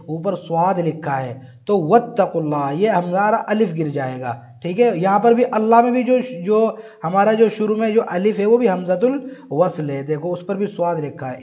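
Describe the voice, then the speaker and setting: Guy teaching grammar online, high voice but mellow, keeps saying look and repeating stuff. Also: lo-fi sound. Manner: patient, repetitive explaining, often says "look", recites Arabic examples. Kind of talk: explanatory online lesson.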